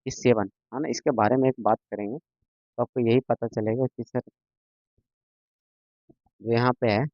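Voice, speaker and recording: A man's voice: mid-range voice, no room sound. A man teaching a maths lesson to a class, patient and repetitive, often checking that students follow. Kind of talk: classroom lecture. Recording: dull lo-fi sound, dry.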